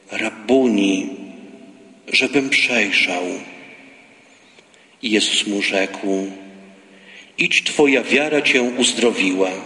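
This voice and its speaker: Priest, male, very slow measured gospel reading and homily, bright tone, echoey church with long reverb. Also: on the low side. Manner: slow, measured liturgical delivery.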